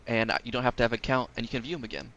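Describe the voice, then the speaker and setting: A man's voice: medium pitch, fairly even intonation, rapid-fire, fairly bright tone, lo-fi sound, a little hiss or hum. A man co-hosting a podcast in casual chat, throwing in dry quips. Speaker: podcast co-host.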